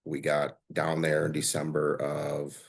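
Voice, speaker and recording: A man in his forties, a podcast guest speaking casually, pausing and searching for words. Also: very deep voice, completely flat delivery, gravelly, slightly rough. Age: 40s.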